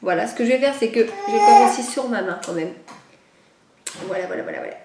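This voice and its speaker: A woman's voice: on the high side, lively intonation, quick pace, gravelly, echoey room, heavy background noise. A woman chatting casually in a vlog, a little nasal after a cold, rambling and hesitant with many fillers. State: recovering from a cold. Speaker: vlogger. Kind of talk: casual chat.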